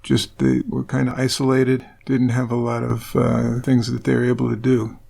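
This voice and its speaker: A man's voice: mid-range voice, completely flat delivery, normal speed, vocal fry, dark tone. A man co-hosting a true crime podcast, laconic and matter-of-fact as he reads emails and recounts cases. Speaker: podcast co-host. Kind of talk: casual true crime chat.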